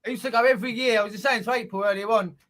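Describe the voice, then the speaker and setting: Excitable, bright-voiced British man. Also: sits high, rapid-fire. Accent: British English. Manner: excitable, swears freely, loud laughs. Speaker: co-host of paranormal live stream. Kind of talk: casual live-stream chat.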